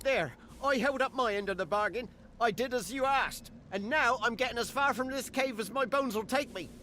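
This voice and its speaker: A man's voice: extremely high pitch, normal speed, pushed and bright, slight background noise. A man playing a craven, scheming old undead dwarf skeleton in a fantasy video game, theatrical as he swings between frantic pleading and ominous intoning. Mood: hasty, nervous.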